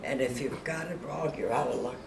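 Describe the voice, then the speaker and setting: A woman's voice: a bass voice, brisk, noisy background. An older woman, a grandmother, chatting casually as she bakes cookies in a home kitchen. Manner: chatty, homey, talks while working. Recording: echoey kitchen, far from the mic, loud clatter.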